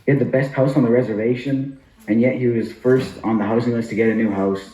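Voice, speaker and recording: A man's voice: mid-range voice, fairly even intonation, fast, dark tone. A man narrating a comic story for an amateur puppet show. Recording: muffled, echoey room.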